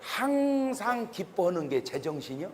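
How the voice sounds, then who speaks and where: A man, a pastor, giving a humorous public lecture in an animated, joking way, sometimes bursting into shouts. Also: high-pitched, measured pace.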